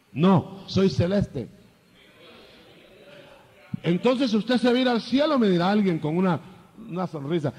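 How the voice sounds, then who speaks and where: An older man preaching a sermon, lively, acting out biblical dialogue in changing voices. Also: high-pitched, husky, big-room sound.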